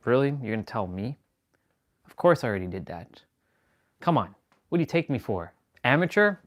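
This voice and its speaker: A man's voice: medium pitch, very animated, normal speed. A man hosting a live stream, talking in a rambling, self-assured spiritual monologue and restarting sentences as he goes.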